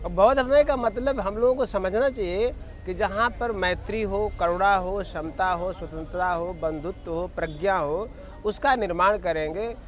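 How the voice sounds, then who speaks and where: High-voiced man speaking formally outdoors. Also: faint music behind. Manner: measured, with fillers and pauses. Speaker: interviewee, association general secretary. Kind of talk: formal speech to a reporter.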